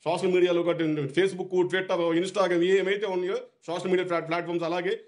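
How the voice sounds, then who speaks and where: A man's voice: sits high, level tone, fast. A man, a party activist, delivering an angry, repetitive political rant.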